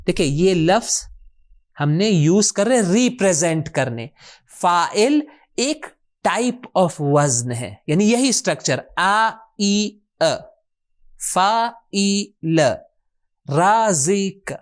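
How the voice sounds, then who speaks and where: A man teaching a recorded lesson on Arabic word patterns. He poses questions and answers them himself, saying key words slowly and more than once. He drops English words into his explanations. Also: high voice, expressive. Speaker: Quran and Arabic grammar teacher.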